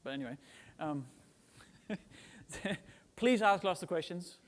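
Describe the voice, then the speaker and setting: A man's voice: sits high, lively intonation, slow. A middle-aged man from Denmark giving a casual, joking conference talk to a live audience, often tagging "right?" onto his points. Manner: chatty and joking, with frequent "right?" tags and "um" fillers. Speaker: conference speaker. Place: large conference hall. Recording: reverberant conference hall.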